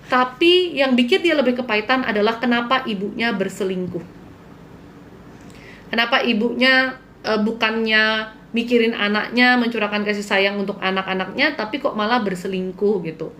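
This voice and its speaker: A woman's voice: on the high side, normal speed, a bit bright, a little hiss or hum. A woman hosting a live stream as a spiritual healer, telling a client's story in a casual style, earnest and candid, sometimes pleading with viewers.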